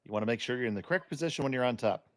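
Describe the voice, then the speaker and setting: A man's voice: mid-range voice, lively intonation, very fast, no echo. A man doing live curling commentary in a chatty way, adding anecdotes between the shots.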